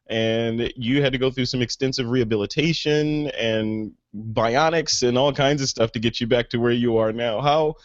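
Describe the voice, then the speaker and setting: A man's voice: mid-range voice, steady tone, normal speed, hardly any pauses, no echo, highs cut off. A man hosting a podcast over a video call, talking in a casual, upbeat way with frequent fillers. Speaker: podcast host.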